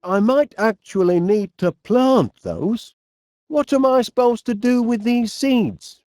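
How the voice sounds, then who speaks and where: In a musing mood, a high-pitched male actor gives voice to a cheerful, fussy, absent-minded middle-aged inventor with a Northern English accent in an animated comedy game. His delivery is polite, chatty, hesitant and bumbling. The studio sound is clean, with no room sound.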